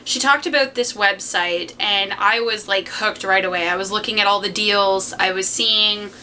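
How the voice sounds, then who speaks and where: A Canadian vlogger in her twenties chats casually through an unboxing and review, speaking fairly quietly at night in a small room at home because someone is asleep nearby. Her voice is medium-pitched at a normal speed, picked up by a camera mic a short distance away with faint background noise.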